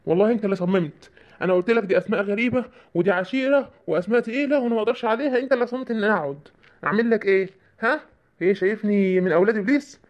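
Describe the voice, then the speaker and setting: A man voicing a cowardly, rapid-fire cartoon sheikh. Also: high-pitched, muffled recording, close to an everyday voice. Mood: grumbling. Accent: Egyptian Arabic. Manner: pleading, jittery, gabbling. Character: cowardly middle-aged male sheikh, panicky. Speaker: sheikh called to drive out spirits. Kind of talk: comic cartoon voice acting.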